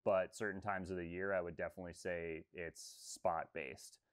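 Man, 30s, very low voice, laid-back rambling, many ums, video call webcam. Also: moderate pace, clear, resonant tone. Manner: relaxed, rambling, many fillers. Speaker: fishing guide. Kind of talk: casual interview talk. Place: room with textured ceiling.

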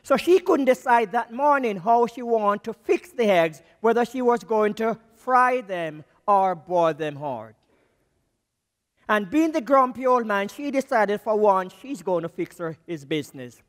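A man with a Jamaican accent preaching a sermon as a missions speaker, slow and emphatic, his voice dropping low on the key words. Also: animated. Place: church. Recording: long reverb of a church hall.

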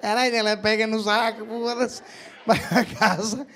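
A man's voice: sits high, flat delivery, normal speed, fairly bright tone. A man doing bawdy, profane stand-up comedy at a live bar show, speaking into a handheld mic.

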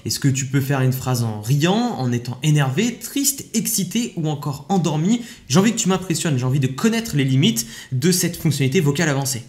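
Chatty French tech vlogger, slightly high voice. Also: male voice, lively intonation, brisk, hardly any pauses, a little mellow. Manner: chatty, explains step by step with many fillers. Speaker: tech YouTuber testing an AI app. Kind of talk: casual tutorial commentary.

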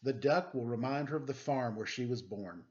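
A man in his forties reads a picture book at a children's storytime from home, with playful, chatty asides along the way. He speaks in a mid-range voice at a moderate pace, and the webcam audio is dull and lo-fi.

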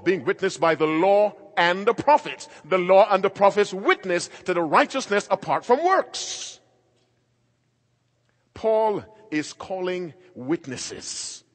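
A middle-aged male pastor preaching a sermon emphatically, moving between loud and quiet passages. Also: high voice. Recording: long hall reverb.

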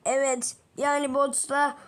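A woman voicing several characters in a game video, excitable and teasing, full of exclamations. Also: high voice, a little slow. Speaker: gaming video creator.

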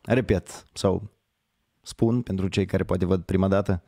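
A man with a hoarse voice hosting a live online show, talking in a rambling, conversational way and correcting himself as he goes. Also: deep voice, steady tone, dark tone, no room sound, studio quality. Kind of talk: casual live-stream commentary.

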